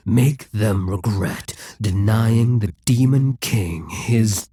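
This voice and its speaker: Guy doing a possessive demon king in an audio roleplay, low breathy voice, super slow, coaxing and whispery. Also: mellow, dry recording, exaggerated voice. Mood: scheming. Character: possessive scheming male demon king, calm and ruthless.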